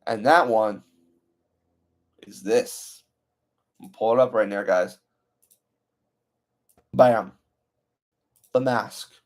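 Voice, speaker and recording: A man's voice: lowish voice, very slow, long pauses. A man hosting his own channel, talking through a film in a casual, enthusiastic way, full of "you know" and "like" fillers. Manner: enthusiastic, rambling with many fillers. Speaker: channel host. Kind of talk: casual movie review talk.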